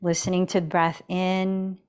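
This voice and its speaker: A woman guiding a yoga class and breathing practice, talking slowly and softly and counting out breaths. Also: on the low side, flat delivery, clean tone. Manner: slow, soft and soothing, counting breaths. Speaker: yoga instructor. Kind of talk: guided yoga and breathing instruction.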